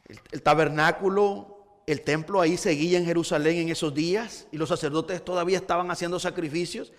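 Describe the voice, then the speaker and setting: A man's voice: a little high, steady tone, a little fast, big-room sound. A man preaching a sermon as pastor, with rising emphasis and frequent repeated starts. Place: church hall.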